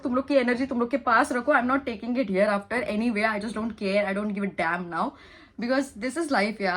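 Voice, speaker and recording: A woman speaks in a slightly high voice in a casual storytime vlog, confiding and earnest. She mixes Hindi and English as she talks to her viewers. Her delivery is slow overall but breaks into quick bursts. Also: low-quality recording. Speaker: vlogger.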